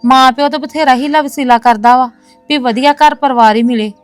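Brisk and high-pitched with fairly even intonation, an actress in a web series plays a proud woman who won't stop defending her brother and his family. She repeats "no, no, sister" earnestly and insistently, in a lightly acted delivery with no room sound and faint music behind.

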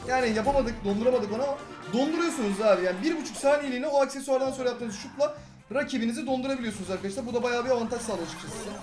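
Excitable Turkish gamer over game music. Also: male voice, high voice. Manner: excitable, talks to teammates and viewers, swings to loud outbursts. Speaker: gaming YouTuber. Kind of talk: live gameplay commentary. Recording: roomy sound with game music behind.

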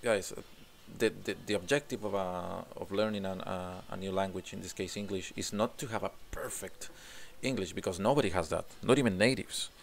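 Speaking quickly with few pauses, this low, creaky-voiced man answers interview questions he is recording himself, with a little hiss or hum in the audio. He is a Chilean English teacher in his forties applying for a job, and his English carries a Chilean Spanish accent. He sits in a home room with guitars on the wall, a desk condenser mic in frame, and repeats words as he hunts for them.

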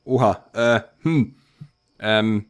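A man's voice: lowish voice, extremely slow, smooth. A man hosting a let's play, musing and thinking aloud with many hesitations as he plays. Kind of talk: casual gameplay commentary.

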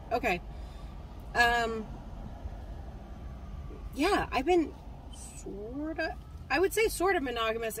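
A woman's voice: sits high, fairly bright tone, slight background noise, poor audio. A woman in her forties chatting casually to a phone camera from a parked car, rambling with lots of fillers and restarts. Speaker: cross-stitch vlogger. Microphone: phone camera at arm's length.

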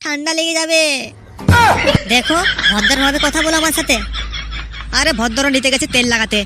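A woman's voice: sits high, moderate pace, over loud music, lightly acted. A woman voicing a cheeky, mocking young male henchman in a cartoon. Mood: taunting. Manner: teasing, taunting, crude jokes.

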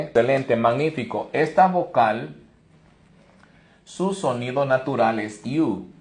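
A man with a medium-pitched voice teaches English pronunciation online, explaining each rule step by step and praising viewers by name.

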